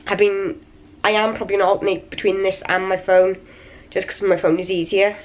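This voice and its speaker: A woman chatting casually to her camera in a hotel room, slightly raspy and a little wheezy from a cold, rambling and tired. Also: mid-range voice, level tone, a little fast. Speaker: vlogger. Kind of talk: casual vlog chat to camera. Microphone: handheld camera.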